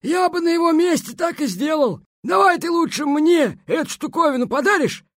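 A woman's voice: sits high, lively intonation, normal speed, dry recording, studio quality, pitched above the performer's own voice. A woman voicing a sly, cold-hearted male beaver with a chipped tooth in a storybook tale, sneering and taunting. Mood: scheming.

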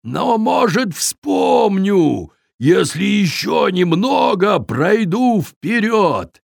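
A man doing a booming, forgetful giant. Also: sing-song, vocal fry, darkish tone, no echo, clean studio sound, heavily acted. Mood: bewildered booming. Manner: booming, slow. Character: huge forgetful bewildered male giant. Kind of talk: storybook character voice.

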